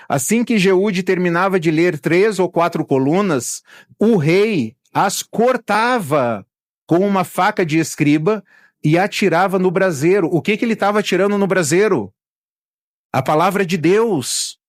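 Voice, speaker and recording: Pastor, male, middle-aged, higher-pitched voice, conversational sermon delivery, dry close-mic sound. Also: no room sound. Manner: conversational preaching with retold family anecdotes.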